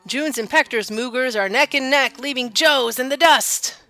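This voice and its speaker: A woman voicing an excited video game contest announcer with a booming prize-calling delivery. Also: moderate pace, dry recording, faint music behind. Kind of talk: video game character read-aloud.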